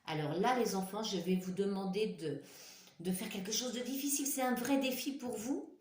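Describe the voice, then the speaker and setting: A woman's voice: medium pitch, normal speed, darkish tone, roomy sound. A woman teacher leading a phonics lesson for young children, spelling out letters one by one and praising the pupils. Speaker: primary school teacher.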